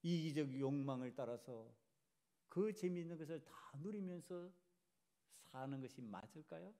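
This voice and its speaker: A man's voice: on the high side, expressive, moderate pace, warm tone. A male pastor preaching a Sunday sermon in a church, emphatic and full of rhetorical questions to the congregation. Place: church sanctuary.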